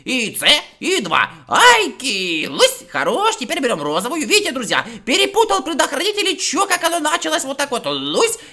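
A man doing excitable, giggly Let's Play commentary, talking to his viewers as friends and repeating a nonsense catchphrase. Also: extremely high pitch, brisk, hardly any pauses. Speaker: gaming video host.

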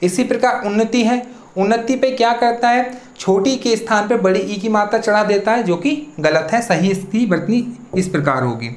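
Speaking in a mid-range voice at normal speed, a teacher runs an exam-prep spelling lesson. The room echoes. The teacher answers their own questions and spells each word syllable by syllable.

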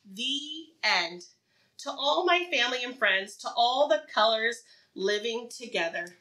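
On a rough recording from a distant mic, a woman with a slightly high voice reads aloud to preschool children. She uses plain, encouraging words, repeats phrases often, and asks questions before pausing for replies.

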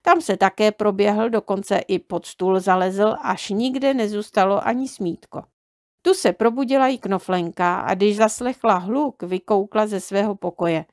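Calm woman reading a children's story. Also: mid-range voice, no echo, studio quality. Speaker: audiobook reader.

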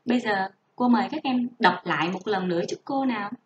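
A woman teaching a first-grade reading lesson online, reading slowly and spelling out each sound for young children. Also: mid-range voice, slight background noise. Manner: slow, careful, drawn-out model reading and spelling out sounds. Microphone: home recording for an online class. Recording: dull lo-fi sound.

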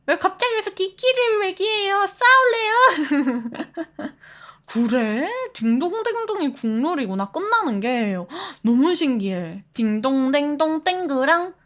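A woman streamer chatting casually with her viewers, animated, laughing often and reading the chat aloud. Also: sits high, unhurried.

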